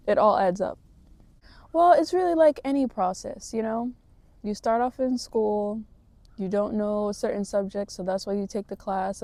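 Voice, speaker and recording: A woman's voice: mid-range voice, dark tone, dry recording. A woman talking to camera in a casual vlog, reflective and motivational, rambling a little with fillers. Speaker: vlogger.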